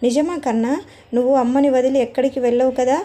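A tender, protective young mother from a storybook tale, voiced by a woman storyteller. She soothes and pleads in a high, mellow tone that stays soft and gentle. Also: flat delivery, fast, natural voice.

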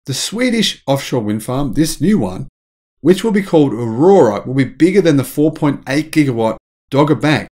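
Enthusiastic man in his thirties, hosting his own tech-news channel from a small home room. He talks animatedly, waving his hands as he goes. His voice sits at an everyday middle pitch. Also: warm tone. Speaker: channel host. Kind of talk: energetic news commentary.

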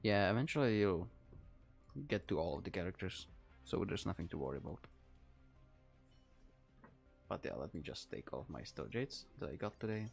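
Over game music, a man from the Czech Republic streams a game and comments casually in his Czech accent, rambling as he thinks out loud. He has a low, animated voice with vocal fry, a moderate pace, and long pauses.

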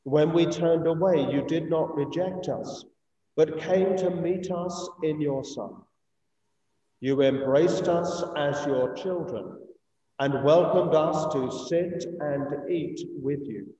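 Leading communion in a reverberant church, an English priest recites a eucharistic prayer slowly, solemnly and deliberately. His male voice is warm and fairly high, and the video-call stream sounds muffled, caught by a distant mic.

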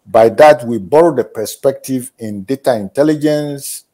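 A man, giving a prepared keynote speech in a measured, deliberate way from a home study over a video call. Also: mid-range voice, dark tone. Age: 70s. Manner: measured, deliberate delivery with pauses. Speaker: keynote speaker. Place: home study with bookshelves, indoors. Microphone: earphone headset on a video call.

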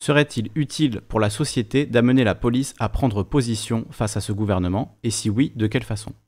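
A man's voice: mid-range voice, brisk, darkish tone. A man moderating an online talk, reading audience questions aloud in a plain way.

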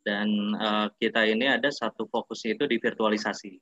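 A man in his late twenties, a guest sysadmin, talking politely and relaxed in a casual interview. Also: fairly low pitch, a little fast, no room sound. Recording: dull lo-fi dry mic.

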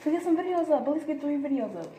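A woman's voice: high-pitched, expressive, rapid-fire, warm tone, echoey room, slight background noise. A teenage girl chatting casually with friends for a vlog on a phone camera, giggly and talking over the others. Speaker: vlogger. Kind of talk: casual chat. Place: outdoors near apartments.

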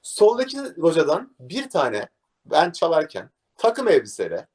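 A young man, a DJ, talking casually in an interview and acting out a story with lively energy. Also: a little high, a little slow, slightly rough. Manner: animated, acts out scenes, says "abi" a lot. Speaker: DJ guest.

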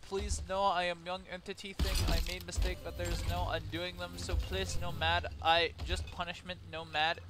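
A man's voice: sits high, little pitch movement, normal speed, few pauses, music in the background, lightly acted. A man voicing a young, childlike entity that pleads in broken baby-talk grammar. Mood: pleading.

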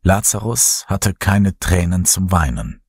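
Slow, husky horror narrator. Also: male voice, deep voice, lively intonation, no echo, clean studio sound. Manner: measured, dramatic storytelling. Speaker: audiobook narrator.

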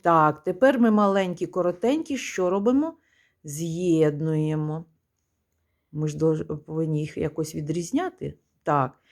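A woman music teacher giving a one-on-one lesson, patiently prompting her pupil and chanting rhythms slowly. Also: low voice.

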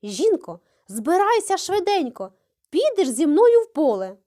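A woman voicing a sly, unhurried male hedgehog in a children's fairy tale. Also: very high voice, big pitch swings, warm tone, exaggerated voice.

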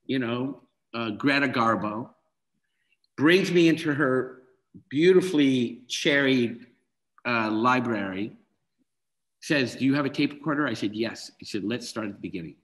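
Middle-aged man, video call, casual storytelling, animated, acts out dialogue. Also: medium pitch, unhurried, rough recording. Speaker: film director guest.

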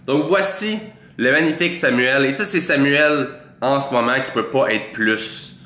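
In a small, reverberant room with a green-lit wall, a Québécois-accented man in his twenties speaks into a large studio mic set in front of him. He's a fitness vlogger with a cold, delivering a playful, mock-boastful tutorial to camera. His medium-pitched voice sounds pushed and bright at a moderate pace.

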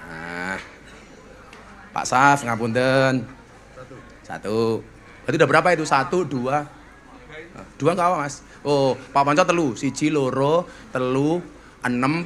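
Hosting a religious gathering, a male preacher with a Javanese accent spins stories for the crowd and trades teasing jokes with guests. His voice is mid-range and a bit bright.

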